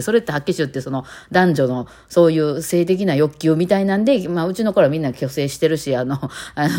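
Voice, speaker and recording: Woman, Osaka accent, low pitch, quick rambling talk, casual podcast chat. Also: dark tone. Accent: Kansai (Osaka). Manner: rambling, many fillers, laughs often; chatty, playful imitations of her cats. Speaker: podcast host.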